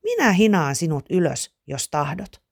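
A woman's voice: fairly low pitch, wildly swooping pitch, husky, no echo, studio quality, exaggerated voice. A woman voicing a kind, inventive young boy in a storybook reading, matter-of-fact and calling out. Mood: offering.

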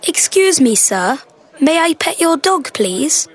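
Brief: a woman playing an eager, polite boy tourist, high and lively voice. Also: slow pace, full character voice. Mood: curious. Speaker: character in a textbook dialogue.

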